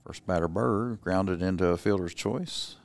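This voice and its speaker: A man calling play-by-play for a high school baseball game in a plain, matter-of-fact way. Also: a little slow, gravelly. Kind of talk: casual play-by-play commentary.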